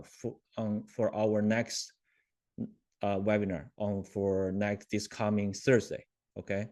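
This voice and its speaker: This webinar host, a man with a fairly low voice, narrates a live software demo on a video call. He says um a lot, corrects himself, and keeps checking in with the people listening.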